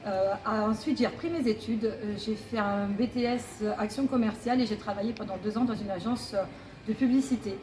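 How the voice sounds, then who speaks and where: A woman's voice: mid-range voice, steady tone, a little fast, dark tone, echoey room, slight background noise. A woman in her forties, a store manager, describing her job with frequent hesitations. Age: 40s. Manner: hesitant, many fillers. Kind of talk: corporate job interview testimony.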